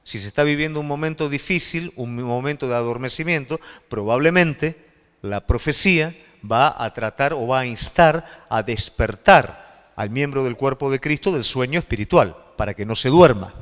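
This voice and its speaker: A pastor with a Rioplatense Spanish accent preaches a sermon, delivering it with animation and asking frequent rhetorical questions. His voice is medium in pitch, and a long reverb tail trails after it.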